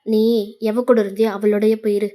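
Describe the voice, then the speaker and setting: A woman's voice: mid-range voice, level tone, normal speed, dark tone, close to an everyday voice. A woman voicing a hurt, angry young woman who scolds her boyfriend with sarcasm in a fan fiction voice-over. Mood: bitter. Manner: bitter, sarcastic.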